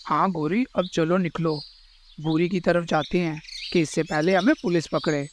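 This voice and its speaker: Man as a higher-voiced, commanding bird crook. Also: fairly even intonation, moderate pace, slight background noise, lightly acted. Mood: urgent, practical. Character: male bird thief, brisk, practical petty crook. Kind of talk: cartoon character voice acting.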